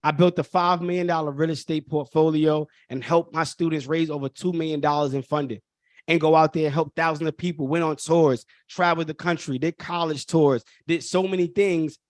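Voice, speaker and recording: A man's voice: a little high, fairly even intonation, fairly quick, no echo, studio quality. Emphatic Brooklyn man hosting a workshop. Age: 30s. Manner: emphatic, repetitive, addresses audience as y'all. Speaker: workshop host. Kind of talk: live online workshop talk.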